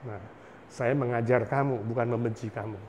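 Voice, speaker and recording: A male pastor preaching a sermon in an animated way, firing rhetorical questions and slipping in English phrases. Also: medium pitch, moderate pace, long reverb tail, a little hiss or hum. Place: church sanctuary.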